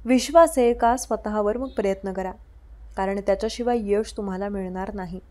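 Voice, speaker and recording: A woman reading out scripted devotional messages with a steady, preaching delivery. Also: medium pitch, a little fast.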